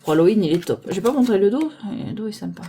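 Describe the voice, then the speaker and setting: Mellow woman rambling over tarot cards. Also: mid-range voice, animated, quick pace, slight background noise. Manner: rambling, searches for names aloud. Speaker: tarot deck reviewer. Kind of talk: casual deck presentation. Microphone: phone on a holder arm.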